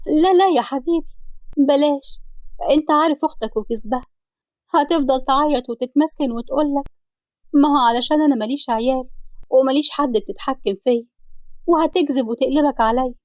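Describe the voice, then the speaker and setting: A woman with an Egyptian accent voicing an aggrieved, scheming wife who complains loudly, in a storybook reading. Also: sits high, a little fast, long pauses, dry recording, voice pushed up, natural voice.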